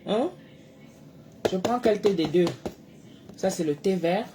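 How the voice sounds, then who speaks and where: A woman hosting a late-night live stream from home, reading out viewers' names and answering them, swinging between soft murmurs and loud exclamations. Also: medium pitch, lively intonation, takes it slowly, noisy background. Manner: reads out and answers viewers by name. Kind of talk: casual live-stream chat. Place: her home at night, indoors.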